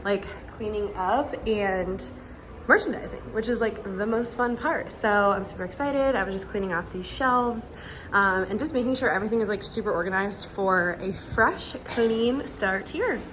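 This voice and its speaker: Female vlogger, bright forward tone, informal chatty store-tour delivery. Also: medium pitch, moderate pace, slight background noise, low-quality recording. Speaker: vlogger and boutique owner. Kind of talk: casual vlog tour narration. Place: indoors in store units.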